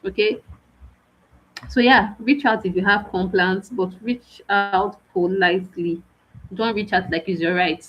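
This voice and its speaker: A woman's voice: medium pitch, steady tone, measured pace, breathy edge. A woman giving an onboarding briefing to students, firm and stern, repeating her warnings one after another. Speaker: program organizer. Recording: dull lo-fi audio.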